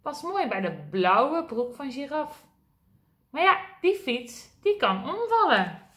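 A woman's voice: sits high, big pitch swings, slow pace, a bit bright. A woman teacher reading a picture book aloud to young children, sing-song and asking them questions.

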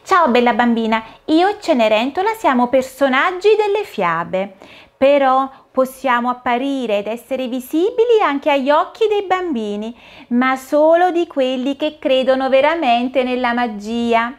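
A woman's voice: high-pitched, expressive, measured pace, voice pushed up. A woman voicing a bustling, cheerful fairy godmother who urges everyone on in a sing-song voice. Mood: bubbly, urgent. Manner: sing-song, urging and exclaiming.

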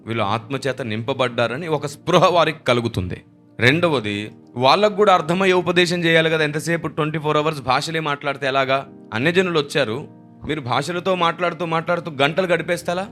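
A man's voice: fairly high pitch, pushed and bright. A man preaching a sermon as pastor, emphatic, with rhetorical questions and repeated phrases.

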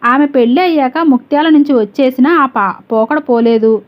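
A woman with a high voice reads a novel aloud in an even storytelling manner. The recording sounds dull and lo-fi. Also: normal speed. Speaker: audiobook narrator. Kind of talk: novel reading.

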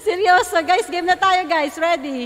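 Teasing Filipino woman, high voice. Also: slow pace, fairly bright tone. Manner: teasing, laughs often. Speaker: live stream host. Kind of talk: casual chat, running a bingo game.

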